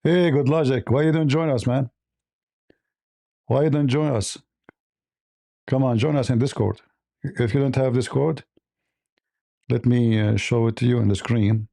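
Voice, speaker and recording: A man hosting a livestream debate, raspy and mocking, halting with many fillers. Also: mid-range voice, warm tone, dry recording, studio quality. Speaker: host.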